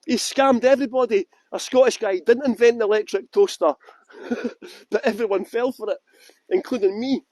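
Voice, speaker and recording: A man's voice: extremely high pitch, moderate pace, dry recording. A man from West Yorkshire giving a chatty, joking walking tour outdoors in large public gardens. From England (West Yorkshire). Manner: chatty, joking, lively asides. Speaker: tour guide. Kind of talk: live-streamed walking tour talk.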